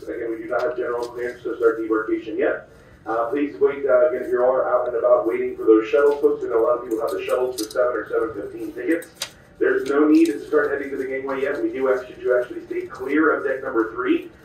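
Cruise director, male, quick patter, booming echo from a distant ship speaker. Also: fairly even intonation. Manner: repetitive, reassuring announcer patter. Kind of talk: ship public address announcement. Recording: distant echoey ship loudspeaker.

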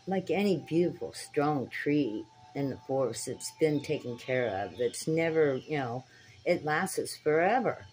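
A woman's voice: sits low, expressive, a little slow, darkish tone, soft background music, low-quality recording. A woman in her sixties talking earnestly to a phone camera in a small dim room, preaching directly to her viewers. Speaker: spiritual tarot vlogger. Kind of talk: casual talk to camera. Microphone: phone camera at arm's length.

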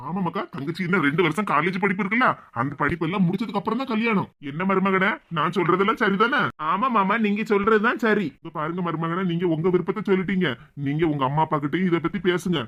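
A woman voicing a jovial village father in an animated cartoon, speaking with a Kanyakumari Tamil accent in a teasing, laughing manner. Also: fairly low pitch, fast talker, few pauses, highs cut off, close to an everyday voice. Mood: reassuring.

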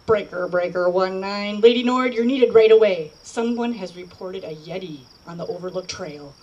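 Una donna che fa un operatore radio urgente via walkie-talkie. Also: female voice, medium pitch, normal speed, darkish tone, far from the mic, highs cut off, voice pushed down. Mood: urgent. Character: park radio dispatcher, woman, urgent and official. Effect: over a park walkie-talkie radio.

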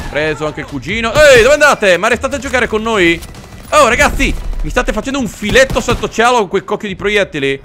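A man's voice: high voice, sharp tone. A young man giving joking, chatty commentary while playing a war video game. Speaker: gaming video host. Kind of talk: let's play commentary.

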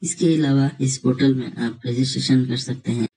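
A man's voice: medium pitch, a little fast, gravelly, breathy edge, rough recording. A man narrating a screen tutorial, walking viewers step by step through an online form and calling them friends. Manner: steady step-by-step explaining, addresses viewers as friends. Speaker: tutorial presenter.

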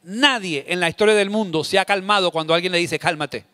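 High, bright-voiced man preaching a sermon. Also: a little fast, no room sound, studio quality. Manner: emphatic, repeats key phrases; acts out scenes, shifts loud to soft. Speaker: pastor.

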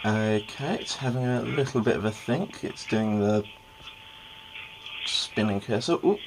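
A man's voice: on the low side, a little slow. Man in his thirties, noisy recording. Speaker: video maker playing along as call recipient. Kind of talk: casual talk and phone conversation. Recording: clear background noise and clicks.

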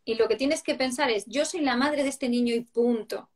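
Woman, parenting educator, slightly high voice, lively and explanatory in interview. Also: moderate pace. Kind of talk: conversational interview answers.

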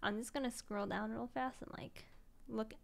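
A young woman streams from her desk mic, casually reading viewer messages aloud. She sounds tired but gushing and emotional, with a voice pitched a little high, and now and then drops to a soft whisper. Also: steady tone, normal speed, vocal fry.

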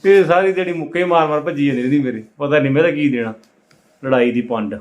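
A man's voice: on the high side, fast. A man with a Punjabi accent chatting casually and teasingly in a family vlog. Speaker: family vlogger, husband and father.

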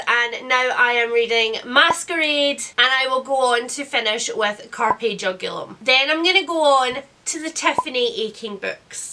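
Sounding sick with a cold, a woman in her thirties who runs a book vlog chats casually and self-deprecatingly about books. Her voice is high with a sharp tone, and she's indoors in a small room lined with books.

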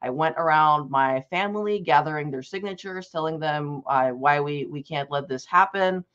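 With a fairly high pitch and normal speed, this young man from Bulgaria sounds a bit bright, clear and resonant. Presenting online to students as an advocacy specialist, he tells a personal story in an earnest, conversational way, often starting sentences over, though the video call line is dull and lo-fi.

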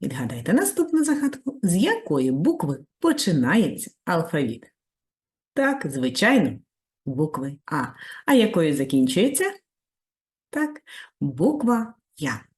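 A female primary school teacher giving a video lesson to children, praising warmly and giving step-by-step tasks. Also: moderate pace. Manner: very lively pitch, rising high on praise.

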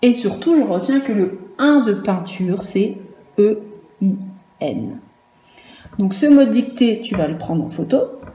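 A woman teaching a virtual class to young children, patiently spelling words out letter by letter in a slow, clearly articulated lesson. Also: medium pitch, big pitch swings, dark tone. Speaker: primary school teacher. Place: room at home for a virtual class. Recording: echoey room with faint background noise.

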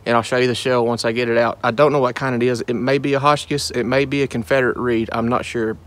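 Out digging in the woods or fields, the host of a relic-hunting channel talks fast to his viewers in a level, medium-pitched, slightly bright voice. His casual narration comes across as earnest and devout.

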